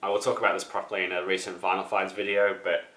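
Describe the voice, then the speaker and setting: A man from New with a deep, bright-edged voice, rambling through a casual record show-and-tell. He fills his speech with ums and restarts. The sound is roomy, with echo from a room at home. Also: flat delivery, quick pace. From New Zealand. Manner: rambling, many fillers and restarts. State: out of breath, still sick. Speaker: record collector vlogger.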